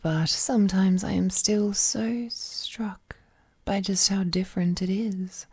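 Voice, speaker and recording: Voicing a possessive, merciless, almighty being for an intimate audio drama, a woman speaks with lazy, patronizing tenderness, often slipping into breathy whispers. Her pitch is on the low side and a bit mellow, delivered as a full character voice with a languid and wistful feel.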